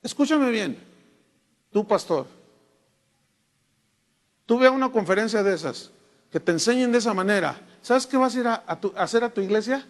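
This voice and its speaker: A Mexican man preaching a sermon as a pastor, telling humorous stories with lively asides in a church hall. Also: sits high, normal speed, pauses often. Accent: Mexican Spanish. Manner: storytelling, humorous, animated asides. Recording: echoey hall reverb.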